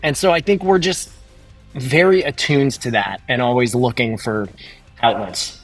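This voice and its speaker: A man's voice: medium pitch, unhurried. Man rambling casually as an interview guest, faint music bed. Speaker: composer guest.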